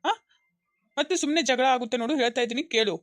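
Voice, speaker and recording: Woman playing a coaxing young husband, rapid-fire. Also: mid-range voice, no room sound, clean studio sound, natural voice. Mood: insistent. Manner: insistent, coaxing, repeating himself. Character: young husband caught between wife and mother.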